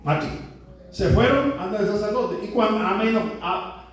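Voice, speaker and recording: A male pastor preaching with an unusually high voice, putting rhetorical questions to his flock. He sounds set back from the mic, and the church around him rings with heavy echo. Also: expressive, moderate pace. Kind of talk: sermon. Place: church sanctuary. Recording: echoey church from a distance.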